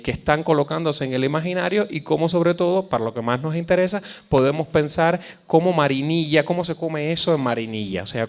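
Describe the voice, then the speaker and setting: A man with a Caribbean Spanish accent giving a public lecture in a conversational way, pausing to search for words and repeating phrases for emphasis. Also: medium pitch. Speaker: guest speaker, cultural policy researcher. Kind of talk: public lecture addressing an audience.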